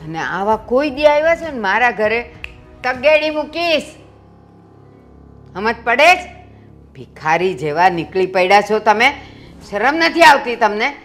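Brief: middle-aged mother-in-law, blunt and mocking, voice pitched a little high, for a film drama. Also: sing-song, unhurried, long pauses, fairly bright tone, faint music behind. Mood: scolding. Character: sharp-tongued mother-in-law scolding her son-in-law.

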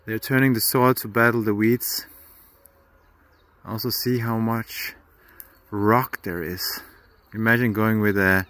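Out on a hillside farm, a man in his thirties films a casual travel vlog at arm's length, stumbling through fillers and restarts. His voice sits lowish and comes across a bit bright.

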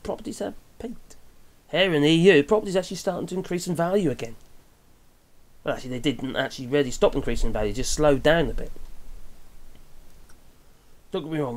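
A man in his fifties from England, speaking with an English accent in a fairly high voice, vlogs opinionated commentary on the news. He rambles chattily, using tag questions and often correcting himself. He's in a small wooden cabin room with the window open.

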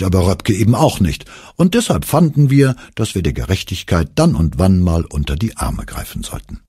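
A man narrating a memoir audiobook in an expressive, dramatic storytelling manner, close to the mic. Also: low-pitched, slightly rough, no room sound.

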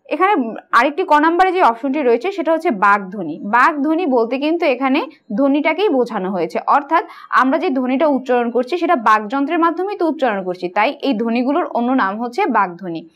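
A woman's voice: high-pitched, lively intonation, a little fast, a bit bright, muffled recording. A woman teacher patiently explaining quiz answers, asking questions and answering them herself. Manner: patient, asks and answers her own questions.

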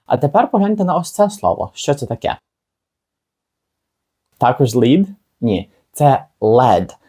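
A man giving a casual video lesson as an English teacher, asking the viewer questions and slowing down for example words. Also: a little high, big pitch swings, mellow, husky. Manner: chatty, asks the viewer rhetorical questions, slows down for example words.

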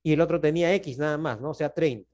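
A man with a Peruvian Spanish accent, teaching math over a video call. His voice sits a bit high. He walks through each step patiently and keeps checking that the class is following. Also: quick pace, a little mellow. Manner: patient, checks in often with "¿no?" and "¿está bien?". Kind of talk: online class explanation.

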